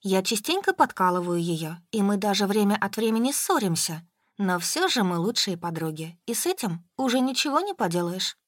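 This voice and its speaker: A woman narrating a first-person audiobook in a wry, even storytelling manner, close to the mic. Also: mid-range voice, moderate pace, no echo.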